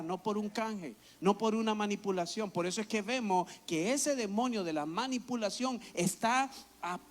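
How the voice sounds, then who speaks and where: A pastor delivers a sermon with a voice that sits high for a man. He preaches in an animated, storytelling way and often acts out what people say. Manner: animated storytelling with acted-out quotes.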